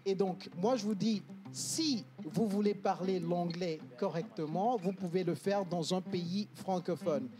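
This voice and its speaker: A man's voice: sits high, unhurried, few pauses. A man, an English coach explaining confidently on a talk show, with many hesitations. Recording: TV studio with music playing behind.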